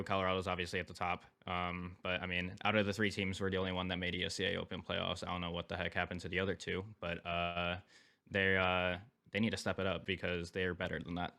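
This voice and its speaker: Low, nasal young man, plugged-nose sound. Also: gravelly, pushed and bright. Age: young adult. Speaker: esports player. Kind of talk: casual post-match interview.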